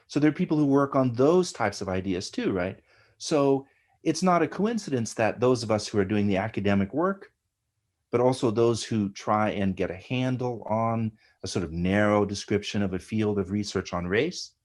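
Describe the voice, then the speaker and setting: A middle-aged American man, an academic guest, explains ideas in an animated lecturing way, often tagging his points with "right?". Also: lowish voice, moderate pace. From United States. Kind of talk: explanatory interview talk.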